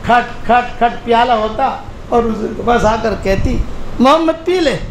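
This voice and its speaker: A man's voice: very high-pitched, fairly even intonation, vocal fry, reverberant, a little hiss or hum. A man from India preaching a sermon, telling stories in a conversational way and repeating key phrases for emphasis. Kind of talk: Urdu sermon with storytelling.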